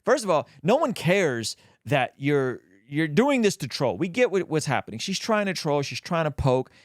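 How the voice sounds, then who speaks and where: A man's voice: a little high, very animated, normal speed, no room sound, clean studio sound. A man giving casual, opinionated video commentary as a host, speaking colloquially and with emphasis. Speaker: host of a reaction show.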